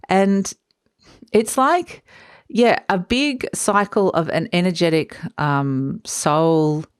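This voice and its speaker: A woman giving a tarot reading in a dreamy, searching way, pausing on fillers as she hunts for words. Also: lowish voice, smooth, dry recording, studio quality. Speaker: tarot reader.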